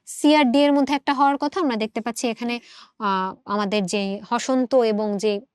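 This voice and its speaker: A woman's voice: fairly high pitch, normal speed, clean tone, no echo, studio quality. A woman teaching an exam prep lesson, explaining step by step and repeating words aloud to demonstrate them.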